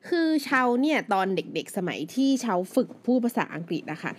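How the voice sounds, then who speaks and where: A woman's voice: mid-range voice, big pitch swings, brisk. Chatty woman podcast host in her thirties. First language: Thai. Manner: chatty, loose and conversational, with many fillers. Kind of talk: casual solo podcast chat.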